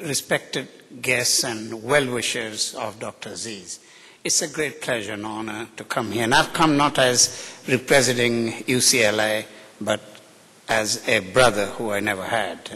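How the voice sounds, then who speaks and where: Here the same kind of ceremony guest, a middle-aged man from India, delivers an unscripted tribute full of jokes into a podium microphone. His voice sits on the low side, measured in pace, with a sharp, slightly rough tone. His accent blends Indian English with British and American traits, his manner is frank and outspoken, and the big hall echoes around him.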